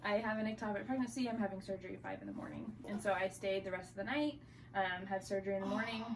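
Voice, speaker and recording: A young woman speaking candidly as a podcast guest, telling a personal story in a halting, casual way. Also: medium pitch. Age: young adult. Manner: candid, halting, with many likes and restarts. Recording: distant mic with clear background noise.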